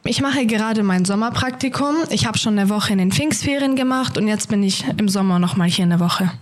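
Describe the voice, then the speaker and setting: A woman's voice: medium pitch, fairly quick. A twenty-year-old woman trainee educator giving brief, matter-of-fact answers.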